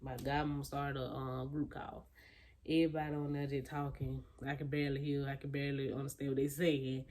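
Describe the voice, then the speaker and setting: Speaking briskly in a rumbling low voice, an eighteen-year-old woman vlogs a story to camera. She's animated and loose, using fillers and restarts and acting out other people's words.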